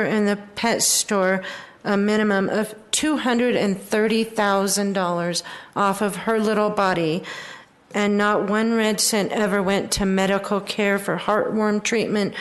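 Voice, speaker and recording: A woman's voice: mid-range voice, fairly even intonation, a little slow. An American woman speaking earnestly during public comment at a city council meeting. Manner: earnest, advocating.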